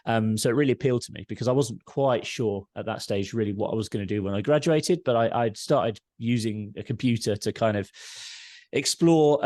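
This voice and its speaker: A man with a Home Counties accent from the south of England talks in a low, closely recorded voice with very little room sound. He is chatty and informal, wandering through his answers like a relaxed podcast guest. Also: no echo, studio quality. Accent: southern English, Home Counties. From Surrey, southern England. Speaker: podcast guest, tech and audio entrepreneur. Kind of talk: casual interview chat.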